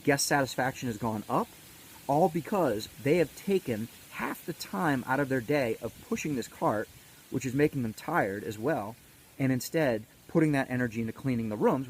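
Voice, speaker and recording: Man giving an emphatic coach's pep talk, noisy background. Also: mid-range voice. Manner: emphatic, repeats key words for stress. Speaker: motivational coach host of a daily video series. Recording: background noise and ambience.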